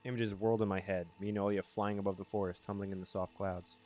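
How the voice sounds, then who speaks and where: Quick and level, with a fairly low, darkish voice, a man reads game narration aloud during a laid-back let's play, remarking on it as he goes. He trips over words now and then and fixes his mistakes.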